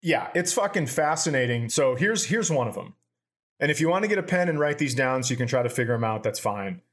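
Speaking fairly quickly in a mid-range voice, this co-host swears often as he tells lively stories in a laid-back comedy podcast. When reading out items, he delivers them flatly.

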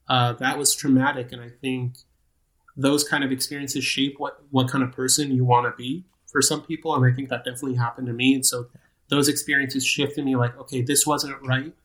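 A man's voice: mid-range voice, fairly bright tone. A man in his thirties, a guest on an interview podcast, talking casually in a rambling, self-deprecating way with frequent restarts. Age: 30s. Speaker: guest, nonprofit program manager.

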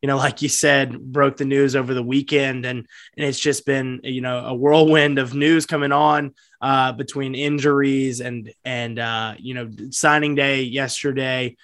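A man co-hosting a sports podcast, talking football in a casual, halting way with many fillers and restarts. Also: medium pitch, flat delivery, a bit bright, no room sound, clean studio sound.

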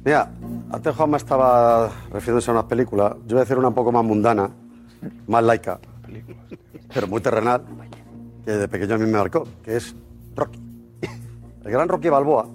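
A man in a sports talk studio, retelling a match with theatrical shouts and sound effects. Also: medium pitch, a little fast, pauses often, faint music behind. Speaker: sports pundit.

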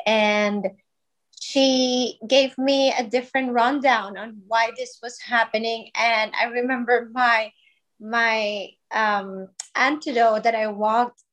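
Here a wellness entrepreneur in her thirties, originally from Colombia, chats frankly and casually about her life on a podcast. Her voice sits fairly high, and the audio is poor quality.

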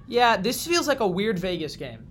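A man's voice: sits high, very animated, a bit bright, slight background noise. A man co-hosting a sports podcast, giving his picks in a casual, opinionated chat. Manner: opinionated, quick to pick sides. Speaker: podcast co-host.

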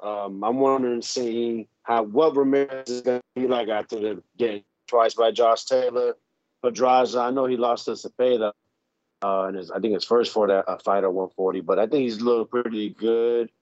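A man calling in to a show over a bluetooth headset mic that keeps breaking up, talking casually with plenty of halting fillers. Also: mid-range voice, fairly even intonation, darkish tone, dry recording. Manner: halting, filler-heavy, says "man" a lot. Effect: bluetooth headset mic cutting in and out. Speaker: caller. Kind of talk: casual call-in fight talk. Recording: muffled dry bluetooth call audio.

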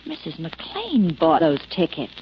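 An actress playing a sharp, wisecracking woman investigator in an old detective drama, breezy and brash. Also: deep voice, huge pitch swings, measured pace, exaggerated voice. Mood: eager, probing. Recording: dull noisy old drama recording.

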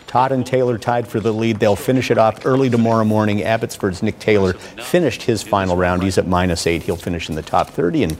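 A man anchoring sports news, reading highlights in a commentator's style. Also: a little fast, few pauses, a little mellow.

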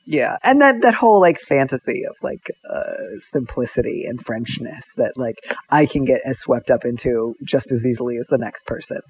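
A man's voice: mid-range voice, expressive, moderate pace, hardly any pauses, breathy edge, dry recording. A man talks loosely as a podcast guest, in a mid-range voice with many "like"s and small laughs. The sound is dry and close. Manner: rambling, many fillers, laughs often. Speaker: advice columnist and food writer, guest. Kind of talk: casual podcast conversation.

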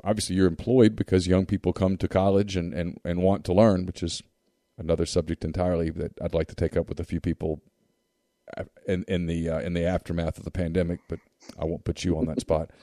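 Male podcast host, rambly questioner, mellow low voice, dry close sound. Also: a little fast, no room sound. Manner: rambling, repeats words when excited. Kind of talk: casual interview chat.

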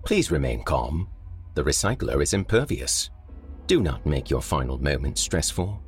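A man voicing a calm, polite artificial facility voice that soothes a prisoner in an even, machine-like manner. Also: very deep voice, normal speed, breathy edge, faint music behind, heavily acted. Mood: soothing. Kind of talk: storybook horror narration.

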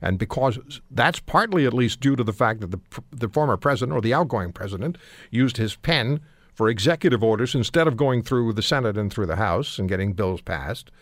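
A man's voice: medium pitch, lively intonation, fairly quick, no echo. Firm male radio talk host. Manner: firm, interrupts and repeats points. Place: radio studio.

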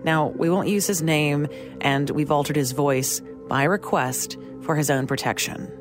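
A woman's voice: sits low, fairly even intonation, measured pace, music in the background. A woman hosting a show with scripted presenter narration. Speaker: show host.

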